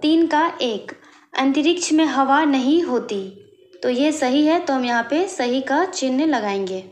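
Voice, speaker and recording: A woman teacher slowly working through a worksheet, explaining each answer step by step as she writes. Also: sits high, lively intonation, reverberant. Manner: slow, explaining step by step while writing. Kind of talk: worksheet walkthrough lesson.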